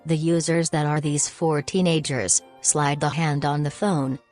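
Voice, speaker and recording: A woman's voice: low-pitched, level tone, measured pace, a little mellow, soft background music. A woman narrating a fan explainer video in a casual, offhand, self-deprecating way, speaking into a home microphone.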